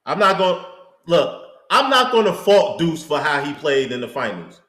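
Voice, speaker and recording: A man's voice: a little high, sing-song, moderate pace, a bit bright. A man co-hosting a live sports talk show, chatting in a laid-back, slangy way as a fan. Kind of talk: casual live sports chat. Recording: roomy echo.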